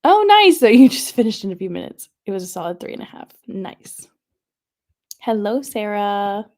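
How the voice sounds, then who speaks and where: A woman's voice: medium pitch, very animated, moderate pace, a little mellow. A woman hosting a casual livestream, chatting and reading viewer comments aloud. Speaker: livestream host. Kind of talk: casual chat.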